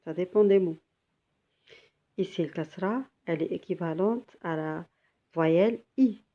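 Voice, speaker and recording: A woman's voice: lowish voice, unhurried, lo-fi sound. A woman teaching a beginner language lesson, patiently sounding out syllables and repeating each one. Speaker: Arabic teacher.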